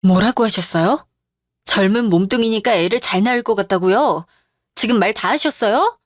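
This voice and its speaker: A woman's voice: medium pitch, moderate pace, no echo, clean studio sound, close to an everyday voice. A woman voicing a young wife who answers her mother-in-law politely but firmly in a radio drama. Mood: indignant. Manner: polite but firm, formal speech.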